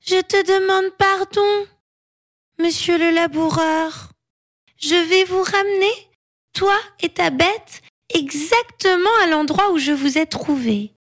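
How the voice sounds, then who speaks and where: A woman voicing a little giant girl with a high, childlike voice. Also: slow pace. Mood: apologetic.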